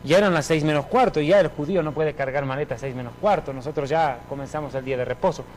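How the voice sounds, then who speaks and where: A man giving a personal religious testimony in an emphatic, animated storytelling manner. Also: a little high, quick pace, a little hiss or hum, poor audio.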